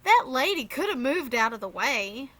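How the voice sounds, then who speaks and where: A woman's voice: sits high, very animated, moderate pace, a bit bright, no echo, exaggerated voice. A woman voicing a playful, mischievous young boy in a storybook reading. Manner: teasing.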